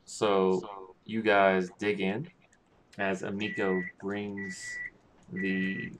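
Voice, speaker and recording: Give me a slow, halting man narrating as game master over a noisy recording. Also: low-pitched, monotone. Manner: halting, with many restarts. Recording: noisy with clicking.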